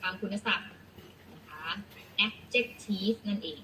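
Woman teacher, unhurried lesson delivery, patient and repetitive, mid-pitched. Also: bright, forceful tone, slight background noise, poor audio. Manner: patient, repeats "นะคะ" often, spells out letters. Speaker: English teacher. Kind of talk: classroom lesson explanation.

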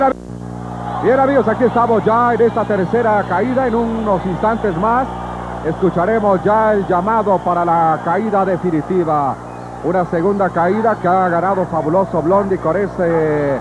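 A man with a Mexican accent calling live wrestling play-by-play as a commentator. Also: high-pitched. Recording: dull lo-fi old TV broadcast, noisy arena. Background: loud arena ambience.

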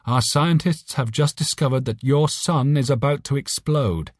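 For an audiobook, a man voices an alien's telepathic voice, sounding urgent, friendly, and earnest with careful phrasing. He pitches his mid-range voice above his own, though it stays close to an everyday voice, at a moderate pace. The studio-quality recording has no echo.

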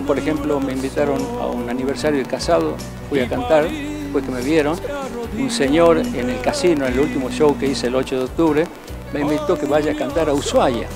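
Older man, hesitant and fairly high. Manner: hesitant, with fillers and repeated words. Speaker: singer interviewed as guest. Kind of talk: casual interview talk. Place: indoor restaurant, large room. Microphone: handheld mic held by the interviewer.

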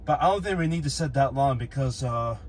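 Recording from his car with road noise in the background, a man gives casual driving commentary for a road-trip vlog, musing aloud with small fillers. He speaks briskly at medium pitch, with a darkish tone.

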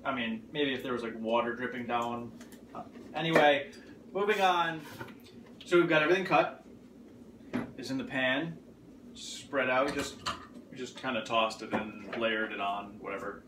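A man's voice: medium pitch, normal speed, long pauses. A man in his thirties hosting a casual cooking show at home, joking and playful. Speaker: show host. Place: home kitchen, indoors. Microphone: camera across the room. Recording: echoey kitchen from far off, noisy.

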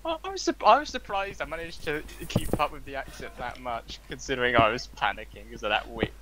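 A man's voice: medium pitch, expressive, fast, background noise. A British man with an English accent chatting while gaming, swearing a lot and slipping into pirate talk. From Britain. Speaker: gamer. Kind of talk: casual gaming chat with put-on pirate talk. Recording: loud music over the voice.

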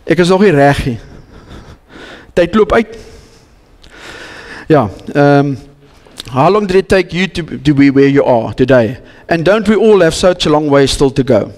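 In a church hall, a man delivers a bilingual sermon, his South African accent and Afrikaans roots obvious in every phrase. His somewhat high, slightly mellow voice is expressive and unhurried with long pauses, pleading urgently and stumbling into restarts as he presses his questions. A long reverb trails each line.

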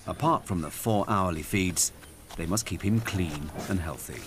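A man giving scripted narration for a wildlife documentary, measured and gently explanatory, recorded as a studio voice-over. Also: low-pitched, noisy background. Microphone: close studio mic. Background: music under the narration.

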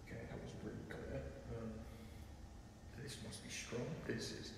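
A man playing an earnest, uneasy paranormal investigator in found-footage horror, speaking haltingly and gently to spirits. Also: medium pitch, steady tone, vocal fry, natural voice. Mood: nervous, probing. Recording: very echoey empty building, noisy ambience.

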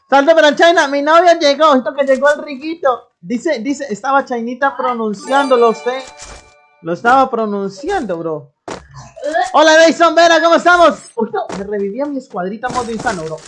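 A woman's voice: sits high, lively intonation, normal speed, slight background noise. A young woman from Colombia, live-streaming a game and hyping up her chat in slangy banter. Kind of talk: live gameplay commentary.

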